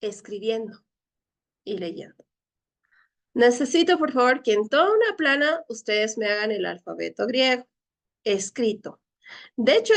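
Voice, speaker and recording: A woman teacher leading a Greek class, explaining patiently step by step and often checking with her students. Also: on the high side. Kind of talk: online class lecture.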